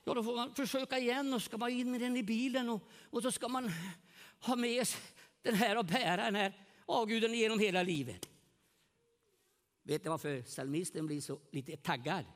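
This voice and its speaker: Middle-aged male preacher, high voice, lively evangelistic sermon, long hall echo, questions to the congregation. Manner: animated, swings loud and soft, asks the congregation questions. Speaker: pastor.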